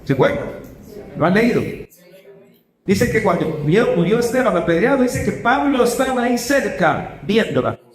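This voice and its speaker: High-voiced preacher in an echoey hall. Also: male voice, lively intonation. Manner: asks the congregation questions, shifts between quick and slow phrasing. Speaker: pastor. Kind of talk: sermon. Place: church hall.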